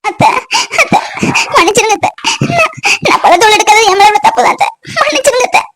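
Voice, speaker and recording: A woman's voice: high-pitched, rapid-fire, a little hiss or hum, lightly acted. A woman voicing a young, dutiful daughter-in-law in a cartoon, wailing and pleading through tears. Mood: tearful. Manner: wailing, sobbing pleas. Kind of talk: cartoon voice acting.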